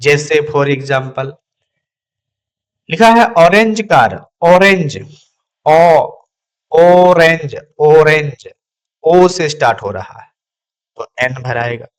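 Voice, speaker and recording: A man giving a grammar lesson in a fairly high voice. He speaks very slowly and deliberately. He keeps repeating the example words and answers his own questions as he goes. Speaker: English grammar teacher. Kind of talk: classroom lesson.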